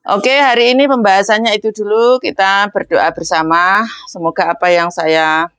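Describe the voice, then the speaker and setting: A woman's voice: medium pitch, steady tone, normal speed, a bit bright, smooth, no room sound. A woman who trains migrant domestic workers, speaking in a casual instructional way and slipping in English and Cantonese phrases. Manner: mixes in English and Cantonese phrases, playfully imitating speech.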